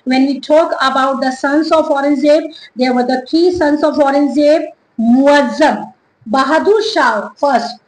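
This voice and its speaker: A woman with an Indian English accent teaching an online history lesson, slowly dictating and repeating dates and names for students to note down. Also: sits high, a little mellow, reverberant, slight background noise, low-quality recording.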